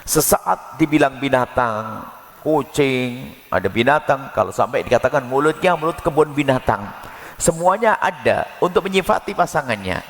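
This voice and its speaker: A man preaching a sermon in a lively, folksy way, with jokes and small acted-out scenes. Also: medium pitch, moderate pace, long reverb tail.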